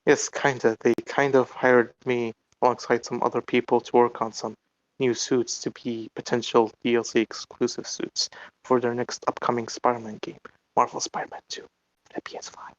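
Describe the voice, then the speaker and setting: A man's voice: mid-range voice, level tone, moderate pace, no room sound, highs cut off. A man talking through a voice changer, giving curt, unbothered answers as the interviewee. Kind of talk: casual online interview.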